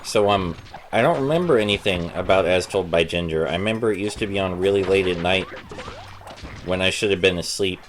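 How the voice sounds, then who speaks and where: A man's voice: deep voice, brisk, a little hiss or hum. A man giving casual, rambling, somewhat hesitant video game commentary as a Let's Play host. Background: video game music.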